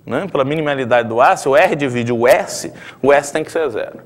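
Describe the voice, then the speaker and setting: A man's voice: medium pitch, fairly quick. Brazilian man lecturing on math. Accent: Brazilian Portuguese. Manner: explanatory, frequent tag questions, thinking aloud at the board. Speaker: math professor.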